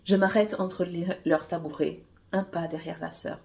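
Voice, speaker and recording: Mellow-voiced woman reading her novel aloud. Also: lowish voice, normal speed, creaky. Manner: steady first-person narration.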